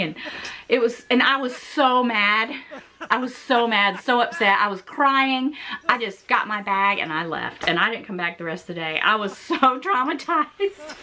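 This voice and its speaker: A middle-aged woman vlogger telling a story to her viewers in a casual, animated way, often laughing and exclaiming as she talks. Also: on the high side, slight background noise. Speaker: fashion vlogger.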